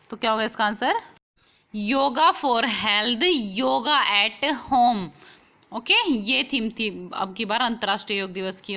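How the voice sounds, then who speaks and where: A woman's voice: medium pitch, bright, forceful tone. A young woman teaching an exam quiz lesson online, explaining patiently, repeating key points and putting questions to the viewer.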